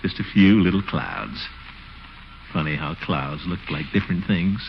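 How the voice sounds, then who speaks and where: A man playing a pompous, easily flustered bachelor uncle in 1940s radio comedy style, muttering to himself and squealing high when rattled, on a muffled, hissy old radio broadcast. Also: unhurried, gravelly. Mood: drowsy musing. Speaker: radio sitcom lead.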